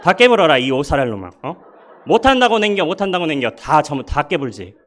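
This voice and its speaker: A man voicing a blunt, scolding middle-aged mother with a Jeolla dialect accent, shrill and exaggerated for comic effect. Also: sing-song, normal speed, fairly bright tone.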